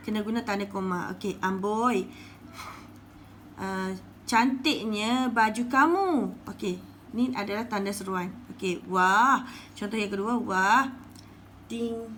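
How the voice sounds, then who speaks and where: A woman teacher with a Malaysian Malay accent, explaining a lesson slowly and patiently, often saying "okey". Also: mid-range voice, fairly bright tone, a little hiss or hum. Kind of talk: online class lesson.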